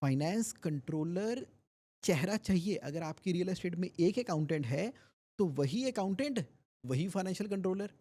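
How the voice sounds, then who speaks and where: A man's voice: sits high, lively intonation, a little fast, warm tone. A man from India, a finance expert guest on a podcast interview, explaining things animatedly with homely examples and repetition.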